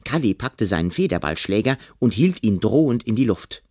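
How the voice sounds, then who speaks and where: A man reading a children's storybook aloud with a lower voice that moves a lot in pitch. He brings each scene to life expressively, and the sound is close and dry. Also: sing-song, normal speed, darkish tone, dry recording. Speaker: narrator.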